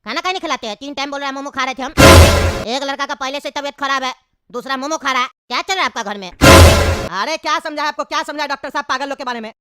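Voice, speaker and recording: A woman's voice: high voice, fast, loud music behind the voice, natural voice. A woman voicing an exasperated father who scolds his son, in a comedy sketch. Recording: loud background noise.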